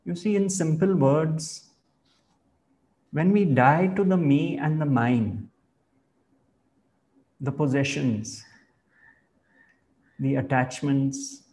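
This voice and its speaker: A man giving a reflective spiritual talk as a teacher, speaking in a measured, thoughtful way. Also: a little high, a little mellow.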